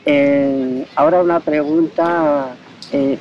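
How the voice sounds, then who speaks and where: Man, street interviewer, slightly high voice, lengthy explanations, dull lo-fi outdoor audio. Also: steady tone, slow, slight background noise. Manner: leading questions, explains at length.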